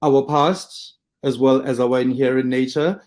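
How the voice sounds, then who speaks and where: A man's voice: mid-range voice, steady tone, unhurried, darkish tone. A man hosting an interview, asking long, hesitant questions full of restarts. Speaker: interview host. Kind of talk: interviewing a guest.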